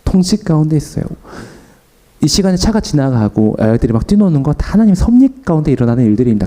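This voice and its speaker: Young guy preaching, tells stories and acts out the lines, warm mellow voice. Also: on the high side. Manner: animated, acts out his own and others' lines. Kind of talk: sermon with personal story.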